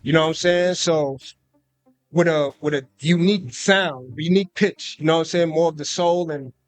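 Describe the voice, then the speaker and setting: In a live concert radio booth, a young American guest rapper gives a relaxed, loose interview, peppered with fillers and "you know what I'm saying." His fairly high voice runs at normal speed, with no echo and soft music in the background.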